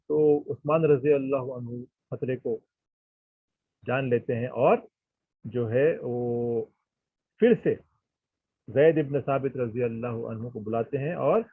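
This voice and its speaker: Husky man lecturing over a tinny line. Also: medium pitch, slow pace, pauses often, dry recording. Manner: explanatory, frequent fillers and throat clearing, mixes in English. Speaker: Islamic history teacher. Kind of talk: informal lecture.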